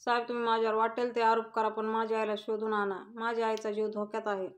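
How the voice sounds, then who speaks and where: A woman's voice: a little high, monotone, fast talker, natural voice. A woman reading the lines of a distraught young woman who is accused and insists she is innocent. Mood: pleading. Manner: earnest and pleading.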